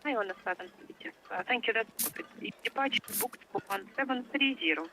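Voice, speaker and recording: A man's voice: extremely high pitch, quick pace. A man working as a vessel traffic service operator, heard over marine VHF radio, speaking in clipped, formal radio procedure. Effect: marine VHF radio transmission.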